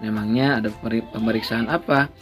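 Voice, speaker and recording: A man's voice: on the low side, steady tone, fairly quick, a bit bright, soft background music, lightly acted. A man voicing a bus driver asking questions, in a storybook reading. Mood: puzzled. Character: puzzled middle-aged bus driver.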